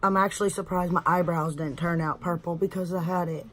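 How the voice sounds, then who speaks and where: A woman's voice: fairly low pitch, steady tone, brisk. A woman in her thirties with a Texan accent, chatting casually at home through a makeup tutorial. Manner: chatty, rambling, addresses viewers as y'all. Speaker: beauty vlogger.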